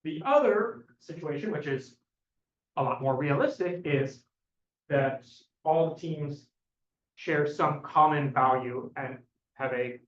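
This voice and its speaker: A man's voice: fairly high pitch, expressive, slow pace. Echoey, distant man presenting a thesis, hesitant. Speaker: doctoral candidate presenting. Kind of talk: academic thesis defense presentation. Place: echoey indoor room. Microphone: distant room microphone. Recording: dull, echoey room, distant mic.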